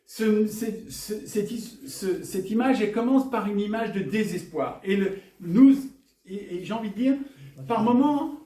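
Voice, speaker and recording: Preacher, man, high voice, heard from far off in a reverberant church hall; lively, rhetorical delivery. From northern France. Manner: lively, rhetorical questions, jokes with the congregation. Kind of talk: sermon. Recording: echoey church hall, from afar.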